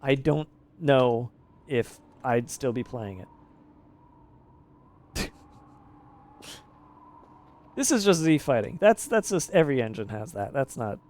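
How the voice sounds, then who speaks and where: A man's voice: medium pitch, very animated, slow, long pauses, a little mellow, slight background noise. A man in his thirties streaming a game live, talking in an opinionated, ranty way with casual swearing.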